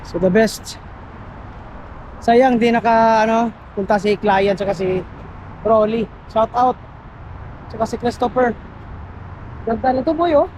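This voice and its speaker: A man's voice: very high voice, unhurried, pauses often, a little mellow. A Filipino man hosting a casual vlog outdoors, chatting to viewers in slangy, exclamatory bursts. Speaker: vlogger and host. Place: outdoors in a city. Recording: noisy outdoor recording with traffic ambience.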